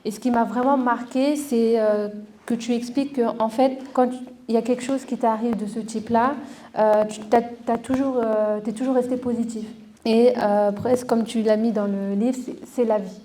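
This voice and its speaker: Mellow woman asking interview questions. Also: on the high side, steady tone, normal speed. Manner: friendly, hesitant, many fillers. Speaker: interviewer, business event host.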